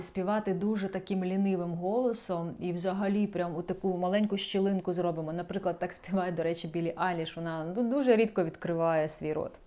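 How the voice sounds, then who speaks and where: A young woman with a Ukrainian accent, a vocal coach explaining voice placement and asking her viewers rhetorical questions. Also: medium pitch. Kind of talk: vocal lesson with sung demonstrations.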